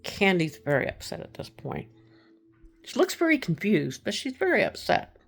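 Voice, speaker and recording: Gravelly-voiced woman telling true crime. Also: mid-range voice, wildly swooping pitch, moderate pace. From Texas. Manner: chatty, acts out quoted people, drops to hushed tones. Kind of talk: casual true crime retelling.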